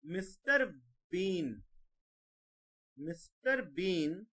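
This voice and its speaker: A man's voice: high voice, big pitch swings, pushed and bright. A man teaching vocabulary for an exam, repeating each word several times and spelling it out letter by letter. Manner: repeats words slowly, spells them letter by letter. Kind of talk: exam-prep vocabulary lesson.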